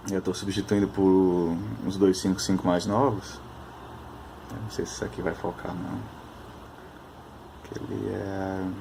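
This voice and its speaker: A man chatting casually at his workbench, explaining technical details while thinking aloud, often pausing and restarting. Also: on the low side, gravelly, darkish tone, a little hiss or hum. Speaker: electronics hobbyist.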